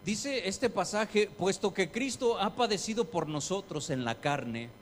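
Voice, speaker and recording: Male pastor, lively sermon delivery, high voice, light hum in the recording. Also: unhurried. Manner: animated, acts out quoted pleas and God's replies; reads scripture aloud.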